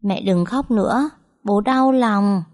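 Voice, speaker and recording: A woman's voice: mid-range voice, slow, darkish tone, voice pushed up, lightly acted. A woman voicing a cheerful little boy who talks with a babyish lisp. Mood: sweet, chirpy. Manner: babyish, lisping.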